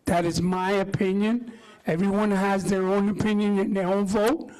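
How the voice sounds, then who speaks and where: A man giving an impassioned public comment at a community meeting, halting now and then. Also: high voice, level tone, a little mellow, low-quality recording. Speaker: community member speaking at public hearing.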